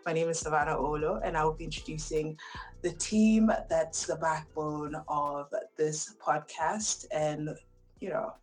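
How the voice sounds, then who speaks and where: Casting: female host, deep register, casual podcast delivery, faint music behind. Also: darkish tone, poor audio.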